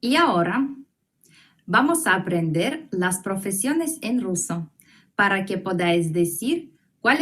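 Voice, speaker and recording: Very slow-speaking woman teaching a language. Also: mid-range voice, a bit bright. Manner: slow, patient, repeats words for students to echo. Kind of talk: online language lesson.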